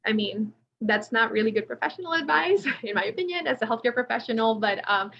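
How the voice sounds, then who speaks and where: A woman's voice: a little high, expressive, brisk, vocal fry. A woman occupational therapist giving a webinar presentation, speaking conversationally with many fillers and restarts. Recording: dull lo-fi audio, faint noise.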